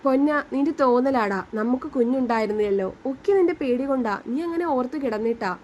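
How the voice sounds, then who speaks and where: A woman voicing a loving young husband who calmly soothes his wife. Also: high voice, brisk, a little hiss or hum. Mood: soothing. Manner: soft, soothing.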